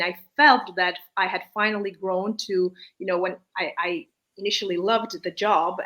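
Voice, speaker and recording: As an interview guest, a woman who teaches English gives conversational answers in that language, her phrasing hesitant and circling. Born in Armenia and raised partly in Malaysia, she has a medium-pitched, fairly bright voice.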